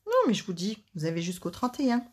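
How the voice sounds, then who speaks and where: A woman's voice: lowish voice, expressive, fast talker, darkish tone, breathy edge. A woman hosting a casual live card-making demonstration, chatting and joking with her viewers as she works.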